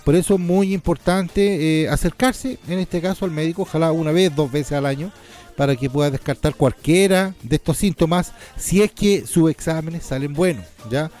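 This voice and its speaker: A man's voice: a little high, normal speed, darkish tone. A man presenting a natural health sales programme informally, explaining didactically and often checking in with short tag questions. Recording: faint music behind the voice.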